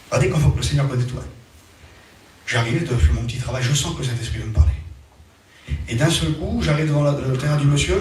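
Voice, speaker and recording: A high-voiced male preacher tells a testimony sermon as animated storytelling, his pitch rising and falling. He sounds far from the microphone in a very echoey hall, with slight background noise.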